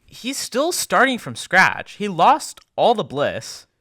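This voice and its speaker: A young man co-hosting a podcast, chatting in quick animated rambling bursts. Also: high voice. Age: young adult. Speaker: podcast co-host. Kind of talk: casual chat.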